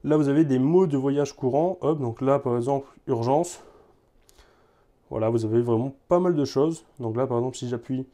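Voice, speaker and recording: Mellow-voiced man casually demoing a gadget. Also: medium pitch, moderate pace. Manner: relaxed, lots of filler words and repeats. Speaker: tech reviewer. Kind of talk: casual product demo.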